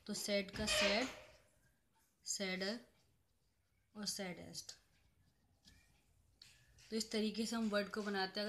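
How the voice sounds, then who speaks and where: A woman's voice: mid-range voice, a little hiss or hum. Woman lecturing, repeating examples. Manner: explains step by step, repeating each example slowly; mixes English terms into Hindi explanation. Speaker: professor. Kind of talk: grammar lecture.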